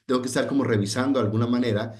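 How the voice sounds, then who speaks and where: A man's voice: medium pitch, fairly even intonation, rapid-fire, darkish tone. A man from Mexico with a Mexican Spanish accent giving an online teacher-training talk, explaining step by step with many fillers and acting out example dialogues. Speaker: lecturer on psychological first aid.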